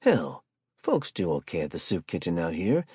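A man's voice: deep voice, huge pitch swings, normal speed, breathy edge, no echo, studio quality, exaggerated voice. A man voicing a menacing adult street hustler who bullies and robs, in swaggering slangy speech, for a spoken story. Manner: swaggering slangy street talk, pushy and loud.

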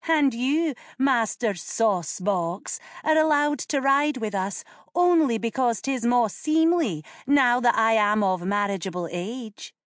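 A woman's voice: a little high, expressive, moderate pace, hardly any pauses, dry recording, studio quality, pitched above the performer's own voice, natural voice. Woman voicing a spirited, mischievous noble girl. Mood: teasing. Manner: teasing, spirited.

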